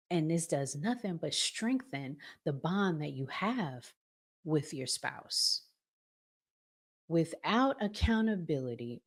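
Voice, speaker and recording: This American woman, who hosts a relationship advice channel, has a low-pitched voice with vocal fry. Her talk is casual and emphatic, full of colloquialisms and drawn-out key words, with examples she acts out.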